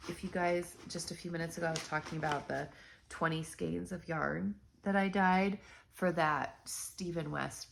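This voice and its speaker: A middle-aged woman talks casually to her viewers, her voice nasal and stuffy from blocked sinuses. Her voice sits fairly low and has a gravelly fry running through it. She rambles, filling gaps with ums and restarting her sentences. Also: fairly bright tone. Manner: rambling, chatty, with many ums and self-corrections. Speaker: knitting channel host.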